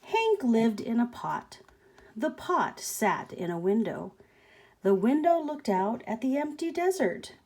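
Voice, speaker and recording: Woman storyteller, picture book read-aloud, slow, lively, mellow, whispered asides, home video. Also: on the high side. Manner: gentle, slips into whispered asides. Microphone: webcam or phone video.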